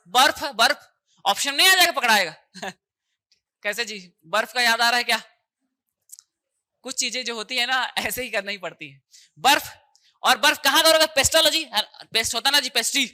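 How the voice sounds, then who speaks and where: A man's voice: very high-pitched, sharp tone. A man teaching an exam coaching class, chatty and repetitive, quizzing students with call-and-response questions.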